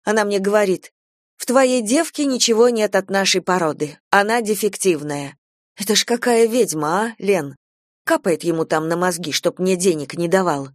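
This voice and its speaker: A woman's voice: medium pitch, dry recording, studio quality, close to an everyday voice. A woman reading an audiobook, voicing a worn-out single mother who complains bitterly about her ex-husband and his mother. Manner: fast, bitter, exasperated complaining.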